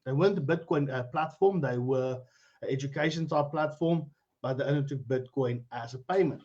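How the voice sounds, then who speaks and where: The guest on this livestreamed interview is a middle-aged cryptocurrency educator with a South African accent, connected by video call. He has a medium-pitched, darkish voice at a moderate pace, and the audio sounds dull. He keeps the talk loose and rambling, laughing easily along the way.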